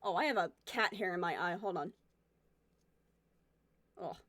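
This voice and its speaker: A woman's voice: fairly low pitch, lively intonation, a little slow, a bit bright, no room sound. A woman in her twenties chatting casually with her stream viewers, candid and rambling as she reflects and reacts to comments. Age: 20s.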